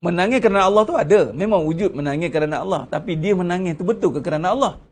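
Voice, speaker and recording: A man's voice: high voice, racing. A man with a Malaysian Malay accent giving a Ramadan religious lecture, preaching conversationally with rhetorical questions. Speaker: religious teacher.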